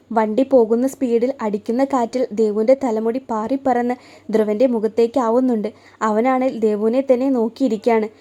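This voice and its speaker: A woman storyteller reading a romance story aloud in a soft, gentle way, lightly voicing each character in the dialogue. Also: fairly high pitch. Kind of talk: scripted narration of a romance story.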